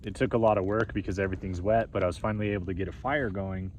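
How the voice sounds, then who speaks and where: With a low, steady voice racing along, a man vlogs casually from a campsite, telling the camera what he's doing as he cooks and camps. Noisy outdoor ambience fills the background.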